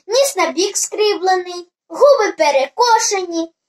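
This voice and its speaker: A storyteller reading a fairy tale aloud in an expressive, lively way. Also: very high voice, unhurried.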